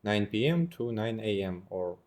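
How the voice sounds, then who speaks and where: A man's voice: on the low side, animated, moderate pace, a little mellow. Young man asking long rambling questions. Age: 20s. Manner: long rambling questions, many uh fillers, non-native English. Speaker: interviewer. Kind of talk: interview questions.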